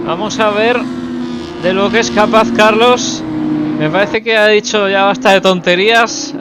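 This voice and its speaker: A man giving live motorsport commentary, calling out the action and exclaiming at position changes. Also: high voice. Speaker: sim racing commentator. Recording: loud car engine noise behind.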